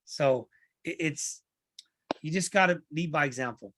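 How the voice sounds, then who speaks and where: Earnest middle-aged man, higher-pitched voice. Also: a little slow, fairly bright tone, no room sound, studio quality. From Santa Ana, California. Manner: earnest, repeats himself, many restarts. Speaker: guest. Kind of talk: podcast interview conversation.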